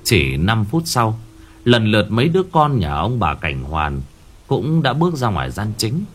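A man narrating a scripted ghost story in a dramatic, expressive way. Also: on the low side, moderate pace.

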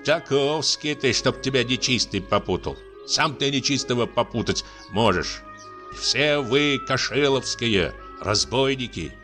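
A man voicing a pompous, sanctimonious landowner gentleman who scolds in a high, drawn-out tenor. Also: expressive, faint music behind. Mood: indignant.

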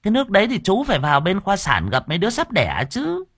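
A man's voice: high voice, wildly swooping pitch, fast talker, fairly bright tone, breathy edge, no echo, clean studio sound, pitched above the performer's own voice, full character voice. A sassy, flirty middle-aged teahouse owner, as a male narrator puts her on. She teases in a voice raised far above his own. The setting is an audio story. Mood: teasing. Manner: teasing, sassy.

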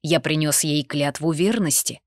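A woman's voice: low-pitched, a little slow, no echo, clean studio sound. A woman reading the lines of a loyal young male knight in an audiobook, firm and formal.

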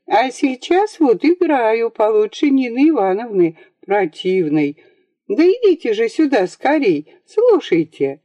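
A woman voicing a spoiled, excitable little girl in an audiobook, talking in a shrill, insistent voice. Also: measured pace, no echo, highs cut off. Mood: boastful.

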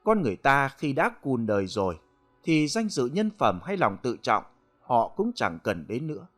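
A man narrating a ghost story in a dramatic, expressive reading. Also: mid-range voice.

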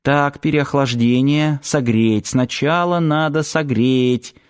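A man's voice: medium pitch, clean tone, close to an everyday voice. A man voicing a fussy, anxious male ship's medic who hurries and barks orders in an audiobook. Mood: flustered. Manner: hurried, flustered, barking orders.

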